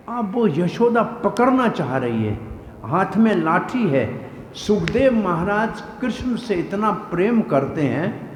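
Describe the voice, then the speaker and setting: High-voiced man preaching in an echoey hall. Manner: vivid storytelling that acts out scenes and explains verses. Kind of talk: devotional scripture discourse. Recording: echoey hall with faint noise.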